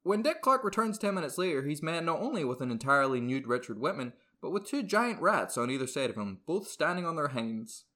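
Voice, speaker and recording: A man's voice: fairly high pitch, sing-song, brisk, few pauses, pushed and bright. A man reading comedic scripted narration as stage directions, with theatrical delivery.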